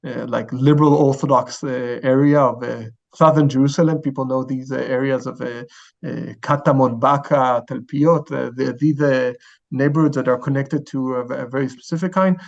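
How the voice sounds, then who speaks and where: Again a chief rabbi in his forties with an Israeli accent gives informal, explanatory interview answers, pausing hesitantly to find his words. Here his mid-range voice holds a steady tone at normal speed, with vocal fry, and the recording sounds muffled.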